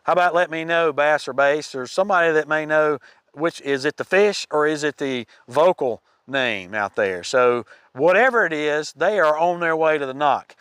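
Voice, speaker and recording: Man, podcast host, folksy chatty news update, clear smooth voice, dry close sound. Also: on the high side, animated, moderate pace, a bit bright, no echo. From United States. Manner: folksy, chatty, with fillers and restarts. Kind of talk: casual hiker news update.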